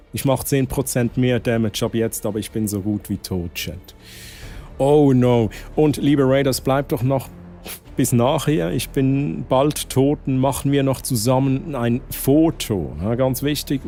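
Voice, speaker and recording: This streamer is a young Swiss man with a mellow, medium-pitched voice and a Swiss German accent. While gaming he chats casually with viewers, frequently throwing in English exclamations.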